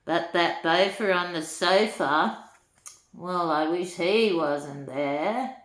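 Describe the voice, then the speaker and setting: With a voice on the low side, an older grandmother reads a rhyming children's book aloud in an echoey room. She takes it slowly with a gentle lilt, pausing to chat with the little ones listening.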